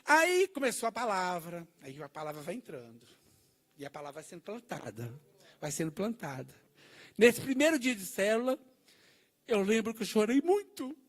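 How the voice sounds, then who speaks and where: A middle-aged man preaching his testimony in a church, telling his story in an animated way and often turning to the congregation. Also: high-pitched, normal speed. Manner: animated storytelling, acting out dialogue; addresses the congregation with "né" and "gente". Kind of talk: testimony sermon.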